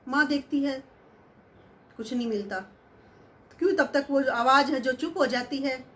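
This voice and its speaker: A woman's voice: high voice, a little slow, a bit bright. A woman casually telling a story, chatty and musing aloud as she goes.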